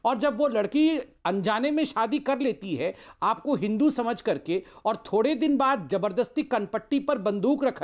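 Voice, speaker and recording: A man making a rhetorical, repetitive argument as a panelist in a TV news debate. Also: very high-pitched. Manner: rhetorical, repetitive, pleading for his turn.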